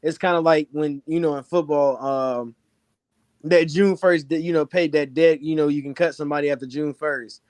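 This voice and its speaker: A man co-hosting a sports podcast, hoarse from screaming, telling stories in an animated, excitable way. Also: a little high, no echo. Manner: animated storytelling, fast and excitable. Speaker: podcast co-host.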